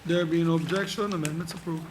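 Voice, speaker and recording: A man's voice: fairly high pitch, fairly even intonation, quick pace, slight background noise. A man with a Filipino accent, speaking as the presiding officer in a formal parliamentary session. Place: legislative session hall.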